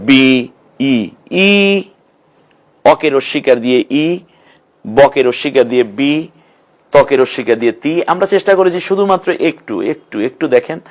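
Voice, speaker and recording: A man giving a recorded reading lesson, patiently sounding out letters and syllables one by one, asking questions and answering them himself. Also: medium pitch. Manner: patient, repeats each sound slowly for learners; addresses students directly, asks and answers own questions. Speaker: Quran reading teacher.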